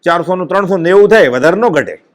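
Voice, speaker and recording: A man with a Gujarati accent delivers a devotional sermon with fervour. His voice sits a little high for a man, and he breaks into chanted verses and quoted scripture. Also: animated, fast talker. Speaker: spiritual discourse speaker.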